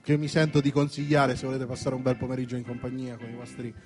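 A man's voice: mid-range voice, completely flat delivery, fast, darkish tone, faint music behind. A man giving enthusiastic, self-mocking film commentary in a casual radio studio chat.

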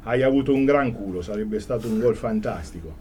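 A man's voice: on the low side, brisk, dark tone, a little hiss or hum, natural voice. A man reading aloud and voicing a bossy, teasing boyhood friend from his story. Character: brash boy footballer, bossy friend.

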